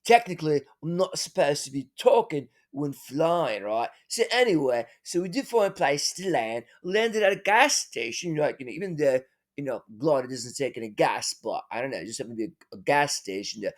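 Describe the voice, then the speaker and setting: A man's voice: a little high, lively intonation, moderate pace. A man playing a father who rambles through a wild adventure story, full of fillers and tag questions.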